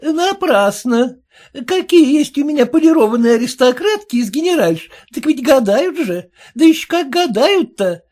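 A woman's voice: high voice, animated, normal speed, darkish tone, pitched above the performer's own voice. A woman voicing a fawning, chatty middle-aged peddler woman in an audiobook, with a wheedling sing-song manner. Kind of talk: audiobook reading.

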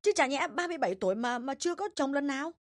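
A woman voicing a polite young adult daughter who speaks softly and hesitantly, smoothing things over in an audio drama. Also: high voice, lively intonation, racing, no room sound, studio quality. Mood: tactful.

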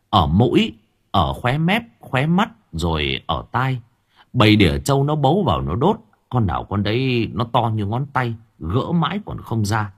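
A man narrating a horror story dramatically. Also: breathy edge. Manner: storytelling, dramatic, with lively pitch. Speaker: audiobook narrator.

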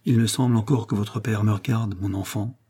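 A man voicing a gentle, sorrowful older mother who speaks softly and gravely, in an audiobook reading. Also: fairly low pitch, fairly even intonation. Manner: soft, grave, measured.

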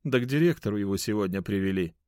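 A man's voice: on the low side, animated, fast, darkish tone, no echo, studio quality, close to an everyday voice. A man voicing a wry, cynical grey male colleague who speaks knowingly. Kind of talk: audiobook character voice.

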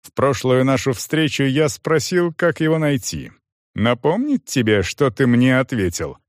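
A man voicing a hard veteran soldier who speaks coldly and quietly with menace. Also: mid-range voice, big pitch swings, unhurried, no echo, studio quality. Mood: cold threat. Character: cold, hard veteran male soldier-constable.

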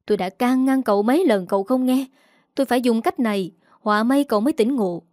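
A woman's voice: on the high side, fast, darkish tone, dry recording, studio quality, lightly acted. A woman voicing an angry young man who scolds his uncle with contempt, in an audiobook story. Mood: contemptuous.

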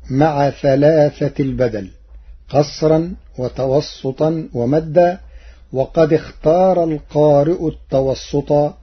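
A man giving a formal, measured scripted explanation on an archival radio broadcast. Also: a little high, husky. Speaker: radio presenter of Quran readings. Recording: dull lo-fi archival radio recording.

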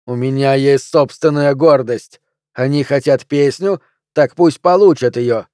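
A man's voice: mid-range voice, unhurried, darkish tone, dry recording, studio quality, lightly acted. A man voicing a stout, middle-aged [name] impersonator who speaks earnestly in a raised voice. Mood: proud.

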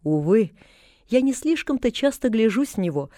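A woman's voice: on the high side, big pitch swings, moderate pace, warm tone, no echo, voice pushed up. A woman doing a sour, weary invalid. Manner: tired, grumbling, dry. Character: sour bedridden woman of forty, complaining and weary. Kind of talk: audiobook character reading.

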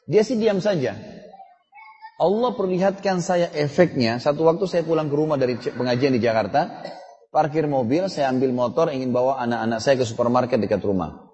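Middle-aged man, sermon, storytelling, talks straight to the audience, slightly high, long reverb. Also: warm tone. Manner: conversational storytelling, addresses the audience directly. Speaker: preacher. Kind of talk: Islamic sermon with personal stories.

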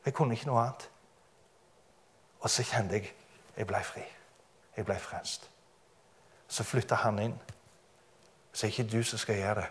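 Animated man preaching. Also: on the low side, pauses often. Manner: animated, dramatic storytelling with frequent laughter. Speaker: preacher giving testimony. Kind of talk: testimony sermon.

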